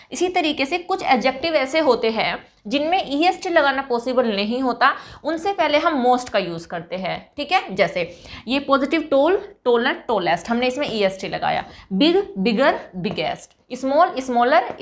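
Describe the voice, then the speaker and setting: A woman, an English teacher patiently explaining grammar to her students and slowly sounding out example words. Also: sits high. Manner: patient, drawn-out model pronunciations.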